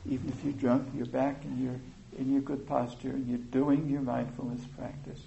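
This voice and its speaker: A man giving an informal meditation talk, speaking slowly and thoughtfully with many pauses and fillers. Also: mid-range voice, flat delivery, gravelly, noisy background. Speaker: meditation teacher.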